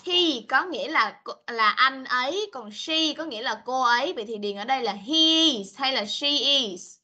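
Teacher, woman, high bright voice, patient and coaxing with little kids, video-call sound. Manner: patient, coaxing, switches between Vietnamese and slow English. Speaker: English teacher. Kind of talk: online class for young children.

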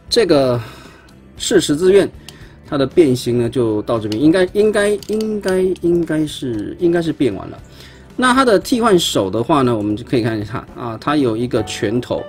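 A man's voice: mid-range voice, a little mellow. Chatty man demonstrating a toy. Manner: chatty, hesitant, stumbles and repeats words while handling parts. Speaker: toy reviewer. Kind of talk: casual unboxing demonstration. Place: indoors at a tabletop.

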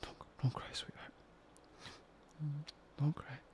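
A man voicing a possessive, obsessive young man in a whispered audio roleplay, murmuring slowly and breathily. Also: medium pitch, a little mellow, a little hiss or hum. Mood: menacing. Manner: murmuring, intimate, slow and breathy.

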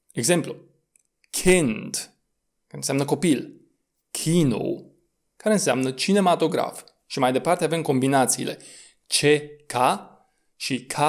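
A young man and Romanian native speaker teaching pronunciation, patient and clear, stressing each example word. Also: mid-range voice, darkish tone. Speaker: language teacher. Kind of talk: explaining German pronunciation.

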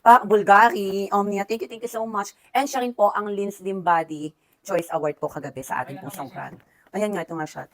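A woman's voice: medium pitch, normal speed, a bit bright. A middle-aged woman from the Philippines chatting casually as she opens birthday gifts, gushing and slipping English phrases into her talk. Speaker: vlogger opening birthday gifts. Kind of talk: casual unboxing vlog.

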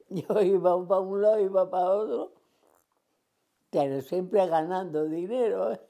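A woman's voice: on the low side, slow pace, gravelly, warm tone. A woman over a hundred, rambling through memories in an oral history interview. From Cantabria, Spain. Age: 100s. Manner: rambling reminiscing, acts out remembered dialogue.

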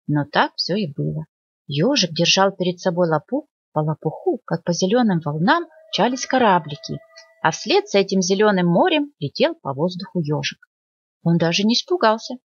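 A woman librarian reading a children's fairy tale aloud in an expressive storytelling manner. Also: slightly rough, no echo. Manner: expressive storytelling, lively pitch. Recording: dull lo-fi dry recording.

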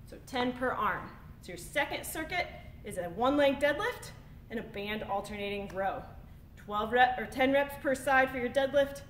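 A woman fitness instructor giving clear step-by-step workout cues, a little out of breath. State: slightly out of breath. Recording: echoey room, distant mic, faint rumble.

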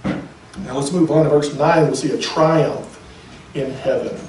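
A man preaching in a mellow, fairly high voice, emphatic one moment and chatty the next. He is heard from a distance in a roomy church hall with audible echo. The delivery is a pastor's sermon. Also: a little slow, a little hiss or hum. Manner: emphatic, conversational preaching with speculative asides.

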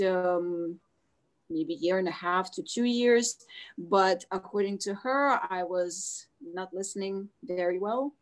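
Woman, Russian accent, guest pianist, video call, reflective. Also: medium pitch.

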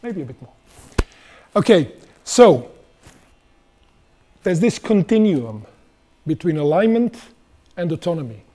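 A man's voice: fairly high pitch, sing-song, measured pace, pauses often, warm tone, slight background noise. A middle-aged man giving a conversational conference talk on stage in a large auditorium, putting questions to the audience. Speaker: conference speaker.

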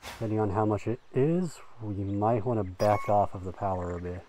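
A man's voice: lowish voice, normal speed, warm tone, rough recording. A man giving casual commentary as he plays a golf game, thinking aloud about wind and shots. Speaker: gaming video host.

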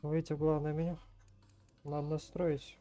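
A man's voice: fairly high pitch, level tone, moderate pace, mellow, faint music behind. A young man doing casual gameplay commentary, muttering short reactions to himself as he streams. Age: young adult. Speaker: game streamer. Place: indoors at a gaming desk, game music behind.

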